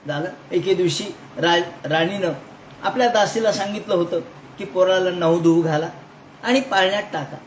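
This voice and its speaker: A man from Maharashtra gives a storytelling discourse on scripture, his voice pitched high for a man. He acts out the story dramatically, shifting between voices and asides. He is recorded in an echoey room with a faint noise floor. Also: moderate pace. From Maharashtra, India. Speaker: scripture lecturer.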